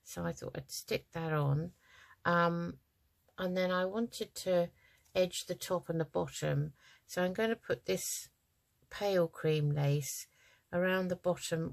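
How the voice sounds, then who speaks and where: A woman's voice: fairly low pitch, creaky. A middle-aged woman hosting a craft channel, talking casually and hesitantly through her project with many ums, tired and yawning. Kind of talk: casual crafting tutorial chat.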